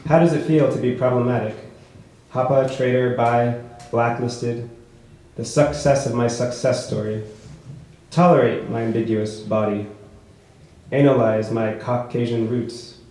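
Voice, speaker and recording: A man reads his own prose poetry at a book launch, in a measured, rhythmic cadence. His mellow voice sits at a middle pitch. The recording is very echoey, with faint room noise behind him. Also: steady tone. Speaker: author reading his work. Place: bookshop event space.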